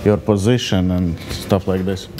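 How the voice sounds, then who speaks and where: Low, dark-voiced Latvian-accented man interviewer. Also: steady tone, unhurried, slight background noise. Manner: hesitant, many "uh" fillers. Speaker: club interviewer. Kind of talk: interview questions. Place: hotel lobby, indoors.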